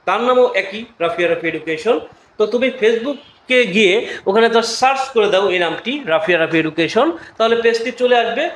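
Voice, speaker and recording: A man's voice: high-pitched, echoey room, slight background noise, low-quality recording. A man teaching an exam-prep lesson in a chatty way, repeating points and often checking in with his students. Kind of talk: casual video lesson.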